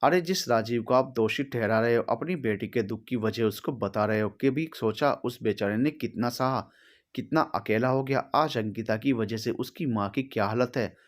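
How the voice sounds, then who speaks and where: A man's voice: mid-range voice, moderate pace, natural voice. A man reading as a stern, loving mother. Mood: scolding. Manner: earnest, pleading, scolding. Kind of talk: storybook reading.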